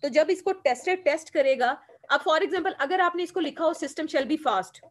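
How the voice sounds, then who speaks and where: A woman's voice: high-pitched, expressive, unhurried, a bit bright. A woman with a Pakistani Urdu accent giving a classroom lecture, explaining step by step, asking the class questions and answering them, and mixing English terms into her Urdu.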